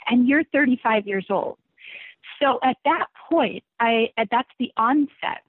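Woman in her 40s calling in as a guest, husky voice, echoey phone sound. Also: a little high, a little slow. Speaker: interview guest, author and musician. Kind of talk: prepared personal account in an interview. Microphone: telephone. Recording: tinny, echoey phone line.

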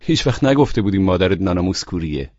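A man's voice: deep voice, lively intonation, a little mellow, no echo, dull audio. A man voicing a blunt, sardonic young man in an audiobook, with curt, teasing lines. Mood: mocking. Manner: curt, teasing, matter-of-fact. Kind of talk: audiobook character reading.

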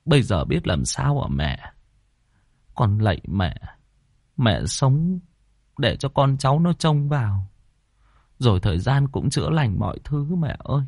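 A man's voice: mid-range voice, big pitch swings, unhurried, creaky, long pauses, darkish tone, breathy edge, no echo, studio quality, voice pushed up, heavily acted. A man voicing a worried adult son who pleads with and comforts his mother in a ghost story. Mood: pleading.

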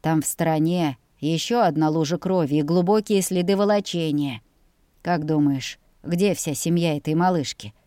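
A woman voicing a calm, heavy-voiced peasant father who speaks slowly and steadily in a storybook. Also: on the low side, no room sound, clean studio sound. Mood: grave. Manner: calm, deliberate.

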